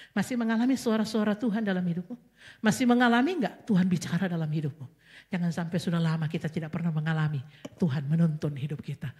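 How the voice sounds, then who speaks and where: A middle-aged woman pastor, preaching with passion and swinging from soft asides to loud cries. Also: lowish voice. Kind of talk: sermon.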